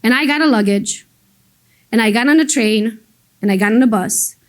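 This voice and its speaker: A woman born outside the US, whose native tongue isn't English and who moved there as an adult, addresses a group as a motivational business coach. She speaks at a moderate pace in a fairly high voice. Her style is blunt, emphatic, informal storytelling with occasional mild swearing.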